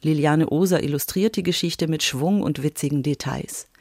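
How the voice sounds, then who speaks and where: A woman reading a scripted radio book review in a measured, composed way. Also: low-pitched, a little mellow, no echo, studio quality. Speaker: book critic.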